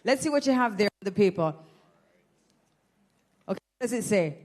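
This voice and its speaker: A woman's voice: medium pitch, lively intonation, moderate pace, darkish tone. A Jamaican woman hosting an event, teasing and chatting with the audience into a handheld mic. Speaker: event host. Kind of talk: lively emcee banter with audience. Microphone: handheld microphone.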